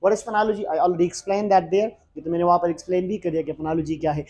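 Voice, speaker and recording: A man teaching an English grammar lesson in mixed Hindi and English, explaining slowly and repeating his points with frequent fillers. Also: sits high, steady tone, a little mellow.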